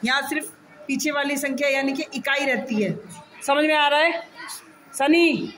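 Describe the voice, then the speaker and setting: Lady teacher with a high voice going through sums slow and patient, lots of class noise behind. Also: steady tone, a bit bright. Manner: patient, explains step by step, coaxing questions to pupils. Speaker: primary school teacher. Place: busy classroom. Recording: noisy classroom recording.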